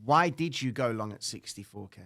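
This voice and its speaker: At a moderate pace and with some vocal fry, a Cypriot-accented trading streamer reads comments aloud from his live chat. He speaks directly to viewers in a casual way, frequently asking "all right?" and swearing once in a while. His volume jumps from animated, loud lecturing to muttered remarks.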